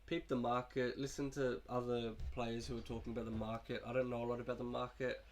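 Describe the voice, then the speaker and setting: Fairly quick and flat, with a mid-range voice, a young gaming YouTuber who's sick and coughing casually rambles through his video game team.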